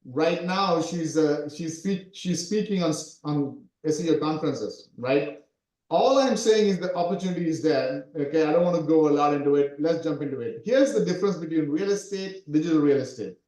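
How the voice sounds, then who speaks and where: A man in his forties, raised in Sri Lanka, talks in a high but mellow voice, coaching and again and again asking "right?" to check that people follow. The sound has a roomy echo, as if it was taken on a call in an untreated room. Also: normal speed. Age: 40s. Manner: repetitive, keeps asking "right?". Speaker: SEO coach. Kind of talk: coaching talk in an interview.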